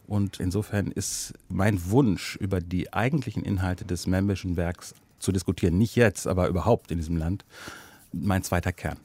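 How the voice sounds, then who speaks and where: A man's voice: deep voice, warm tone, no echo. A man speaking as a panel guest in a radio discussion, laying out his points in an orderly, argumentative way. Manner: structured, argumentative.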